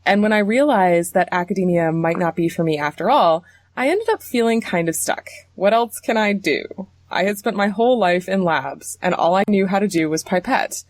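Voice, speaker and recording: A woman hosting a science podcast speaks in a clear, measured way at a middle pitch. She reads a personal intro, then moves into calm questions. The sound is dry and close. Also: dry recording. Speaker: podcast host and interviewer.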